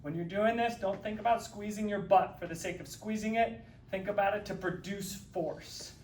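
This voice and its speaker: High-voiced man coaching a workout. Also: normal speed, darkish tone, recorded from a distance, slight background noise. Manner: upbeat, joking coach talk, counting reps. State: a little out of breath while exercising. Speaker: fitness instructor. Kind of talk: guided workout instruction. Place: empty room. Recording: echoey room, from away from mic.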